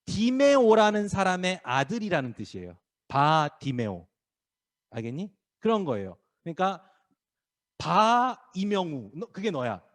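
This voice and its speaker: A man's voice: a little high, moderate pace. A man preaching a casual, playful sermon to middle schoolers as youth pastor, acting out voices as he goes. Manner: lively, acts out crowd voices, teasing students by name. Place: small church worship room.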